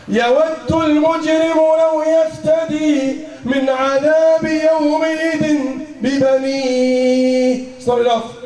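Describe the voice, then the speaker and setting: A man preaching a sermon in an emphatic way, asking rhetorical questions and reciting verses. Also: high-pitched. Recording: echoey hall, voice from a distant mic.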